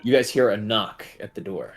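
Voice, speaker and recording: A man narrating as game master of a tabletop game, improvising in a halting, deliberate way. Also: fairly low pitch, expressive.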